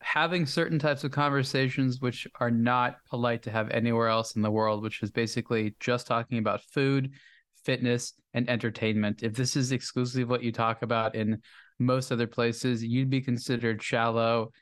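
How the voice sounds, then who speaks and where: A man from the United States co-hosting a casual podcast from a hotel room, talking in a measured, wry way. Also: mid-range voice, steady tone, dry recording. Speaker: podcast co-host, watch critic.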